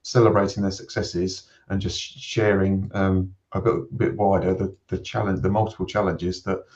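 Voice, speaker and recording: A male panelist answering in a measured way, repeating words as he thinks. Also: deep voice, little pitch movement, darkish tone. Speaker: guest panelist. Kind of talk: interview answer. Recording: distant dull remote mic.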